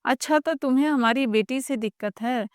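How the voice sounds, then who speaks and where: A woman's voice: high voice, moderate pace, smooth, dry recording, studio quality, natural voice. A woman voicing an older father-in-law who answers in a curt, dismissive way.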